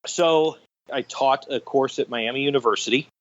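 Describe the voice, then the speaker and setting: A middle-aged man, a radio theater director appearing as an interview guest, enthusiastically tells anecdotes in a conversational storytelling style. His voice is medium in pitch at a moderate pace, and the recording's highs are cut off.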